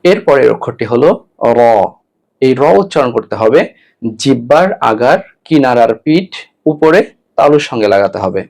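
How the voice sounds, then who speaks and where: A man's voice: medium pitch, animated, moderate pace, pauses often, a little mellow. A man teaching an online Quran lesson, patiently giving step-by-step mouth instructions and repeating each letter sound three times.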